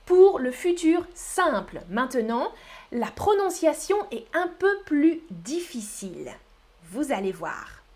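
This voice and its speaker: A woman from the Paris region teaching French pronunciation in a live online lesson, speaking with a Parisian accent and repeating each example slowly and carefully. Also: high-pitched, sing-song, darkish tone. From Paris region, France.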